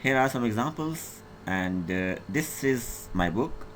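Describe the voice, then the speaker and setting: A man's voice: medium pitch, expressive, measured pace, fairly bright tone, a little hiss or hum. A man teaching an English grammar lesson who reads each definition, restates it in his own words, and lists example words one by one.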